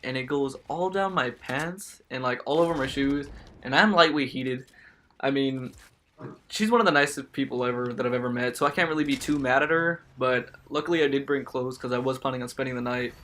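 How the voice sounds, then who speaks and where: A man's voice: mid-range voice, fairly quick, fairly bright tone. A young man casually telling a storytime tale as a vlogger, slangy and emphatic, with stammering restarts.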